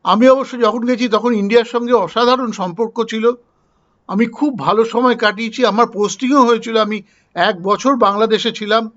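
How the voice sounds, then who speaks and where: A man's voice: very high voice, steady tone, moderate pace, fairly bright tone, muffled recording. An older man from India chatting casually in a film review vlog, telling personal anecdotes as he goes.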